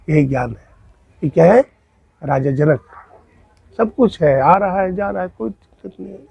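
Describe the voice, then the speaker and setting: Male spiritual teacher, sermon, husky voice and a bit high, dry close sound. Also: a little mellow, no echo. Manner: storytelling, asks rhetorical questions. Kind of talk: Hindi sermon with acted dialogue.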